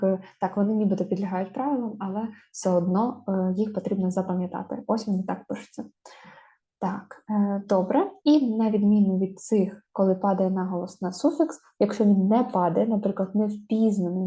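A woman giving a spelling lesson, slowly drawing out each example word to stress it. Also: mid-range voice, mellow. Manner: slow, drawn-out stressing of example words. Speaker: teacher. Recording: dull lo-fi sound.

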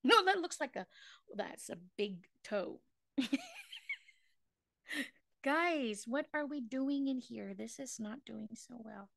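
A middle-aged Filipina woman teaches a live online drawing class, her slightly high, gravelly, somewhat bright voice moving slowly with lively intonation and long pauses, with no room sound. Chatty and self-mocking, she talks with viewers, laughs often at her own drawings, and sings snatches of songs as she works.

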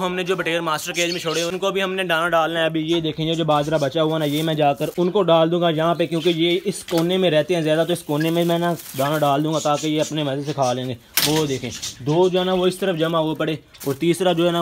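A man, narrating a casual pet vlog outdoors and coaxing his birds with quick repeated calls. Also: a little high, fairly even intonation, slight background noise. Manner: fast, chatty, coaxing animals with repeated calls. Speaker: pet vlogger. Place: outdoor yard with bird cages, aircraft passing overhead.

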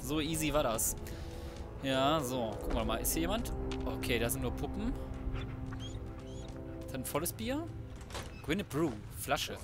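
This let's player has a medium-pitched, expressive voice and a measured pace broken by long pauses. He comments casually and cockily in slang, often muttering to himself while video game music and sounds play.

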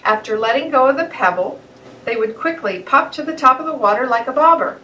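A woman reading a children's storybook aloud in a plain, steady way. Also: high-pitched, brisk, distant mic, lo-fi sound, a little hiss or hum. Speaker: narrator.

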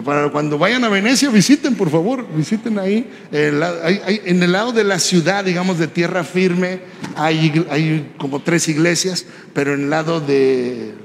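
A man preaching a sermon, telling a personal story in a conversational way and often tagging his lines with a quick question. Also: a little high, creaky. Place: church hall. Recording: reverberant church hall, faint background noise.

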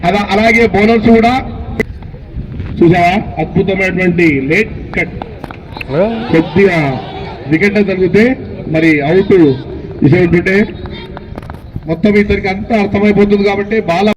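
A man with a high-pitched voice calls a local cricket match in a Telangana Telugu accent. His delivery is informal and chatty, often addressed straight to players, and he sounds far from the microphone out in the open. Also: steady tone, normal speed, pauses often, background noise. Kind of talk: live amateur cricket commentary. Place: outdoors at a local cricket ground. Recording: distant outdoor sound from the mic.

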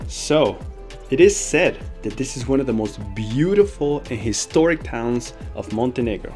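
For a travel vlog, a young man narrates his sailing trip in an easygoing, upbeat manner. His voice is medium in pitch, expressive and a little mellow, at a normal pace, with background music playing.

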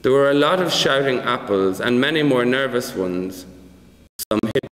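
A man reading a children's story aloud as narrator, careful and measured. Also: mid-range voice, lively intonation, a bit bright, slight background noise. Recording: echoey room with long reverb.

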